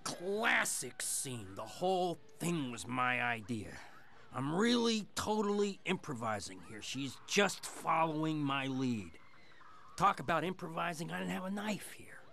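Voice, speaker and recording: An actor voicing a smug, foul-mouthed, gleefully sadistic killer doll with a raspy voice, giving gloating in-character commentary on a film. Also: male voice, on the high side, big pitch swings, a little slow, sharp tone, a little hiss or hum, exaggerated voice. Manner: gloating, sardonic, profane.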